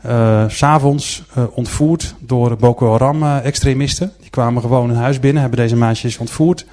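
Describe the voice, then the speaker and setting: A man in a church-style presentation earnestly narrates stories to a gathered audience as he moves through pictures on a screen. He speaks at a middle pitch with a darkish tone, often hesitating with filler sounds.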